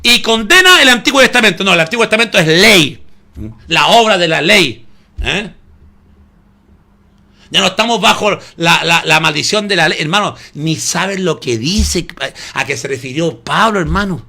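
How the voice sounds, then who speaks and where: High, lively, bright-voiced male preacher. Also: normal speed, creaky. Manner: emphatic preaching, calls listeners "hermano" often; asks the audience rhetorical questions. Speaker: pastor. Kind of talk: sermon.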